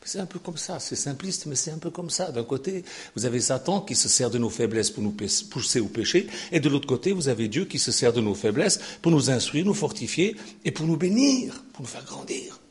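An older man preaching a sermon, sarcastic and animated, dropping to low asides and rising to shouted peaks. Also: fairly quick, few pauses.

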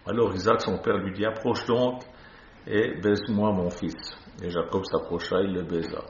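A man's voice: low-pitched, steady tone, moderate pace, slight background noise. Male preacher mixing Bible reading with light commentary; echoing, a bit dull recording. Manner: reads scripture with chatty, playful asides. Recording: echoey, slightly dull recording.

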